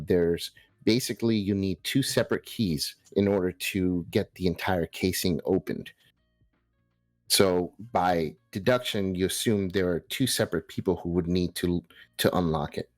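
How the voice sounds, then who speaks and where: A man's voice: low-pitched, normal speed, dry recording, soft background music. A young man running a tabletop role-playing game as game master, talking with many hesitations. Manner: hesitant, many ums, laughs.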